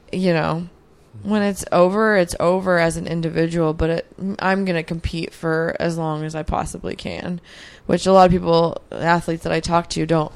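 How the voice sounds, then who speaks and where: A mid-thirties woman, an athlete appearing as a podcast guest, answers questions in a reflective, earnest way with many fillers. Her voice is lowish and creaky with a clean tone.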